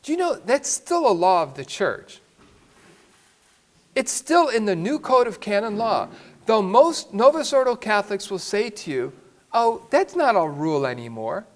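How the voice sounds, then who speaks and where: A man's voice: sits high, very animated, measured pace. A man, a priest, telling a story in a sermon with an emphatic way of speaking.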